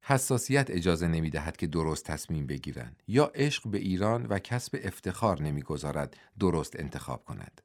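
Male audiobook narrator, low-pitched, dramatic and expressive delivery.

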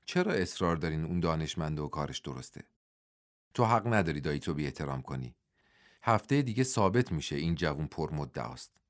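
A man's voice: rumbling low, lively intonation, voice pushed down. A man voicing an outspoken young man who talks to his elders bluntly and challengingly.

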